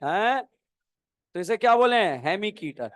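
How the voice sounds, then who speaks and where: A high-pitched man teaches chemistry in a classroom lecture. He keeps quizzing the class and answering his own questions, with a playful, teasing manner. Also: very animated, unhurried, fairly bright tone.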